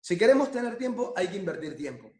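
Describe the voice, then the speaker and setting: A man's voice: sits high, very animated, fast, darkish tone. A man giving a motivational business training talk, emphatic, repeating phrases and asking for agreement. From Spain. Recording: echoey room.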